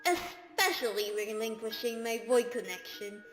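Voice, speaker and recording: A woman's voice: on the high side, lively intonation, over music. A woman voicing a lonely, proud alien hive-mind remnant in a fan game, speaking solemnly through an echoing chorus-like effect. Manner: solemn, formal, slow.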